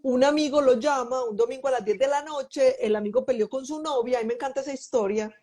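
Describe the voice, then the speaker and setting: A woman's voice: high voice, quick pace. A middle-aged woman hosting a family conversation, telling stories and acting out the dialogue in them. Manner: animated storyteller, acts out quoted dialogue. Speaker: host, mother.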